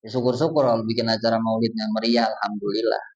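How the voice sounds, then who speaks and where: A man's voice: fairly low pitch, level tone, fast, darkish tone. A man preaching a casual, colloquial sermon to a congregation, earnest and speaking directly to his listeners. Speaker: Islamic preacher. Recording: distant dull lo-fi recording.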